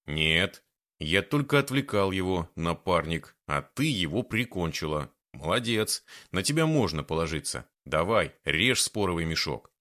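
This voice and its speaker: A man's voice: low voice, expressive, normal speed, few pauses, a bit bright. A man doing a grumbling, sardonic survivor. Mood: firm. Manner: grumbling, dry, firm. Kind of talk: audiobook character voice.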